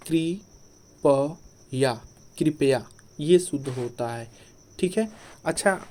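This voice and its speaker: A male teacher gives an exam-prep grammar lesson in a slightly high but mellow, warm voice. He drills his points by asking a question and answering it himself, over and over. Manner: repeats each point as a quiz question, then answers it. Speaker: Hindi teacher.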